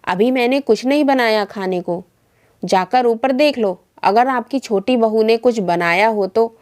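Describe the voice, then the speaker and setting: A dismissive young daughter-in-law who speaks with cold impatience, voiced by a woman reading the story. Her voice sits a little high, and every reply is clipped and offhand. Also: unhurried, a little mellow, lightly acted. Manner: curt and dismissive.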